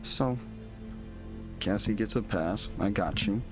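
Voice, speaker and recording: A man's voice: fairly low pitch, takes it slowly. A man playing a tabletop game in character, defiant and sarcastic, often laughing. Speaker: player. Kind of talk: in-character tabletop role-play. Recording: music playing behind.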